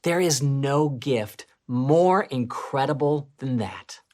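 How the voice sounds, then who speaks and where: A woman co-presenting a scripted children's church lesson, telling the story expressively, swinging between excited and hushed. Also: extremely low pitch, takes it slowly.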